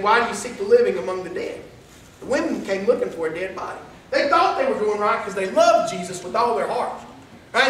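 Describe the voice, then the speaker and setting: A man with a very high voice preaches a casual, conversational sermon, often turning to the congregation with "right?". He is picked up from a distance, and the church hall rings with heavy echo under a faint background hiss. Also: fairly bright tone. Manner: conversational, with frequent "right?" and "here's the thing". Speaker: pastor. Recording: echoey hall, distant mic.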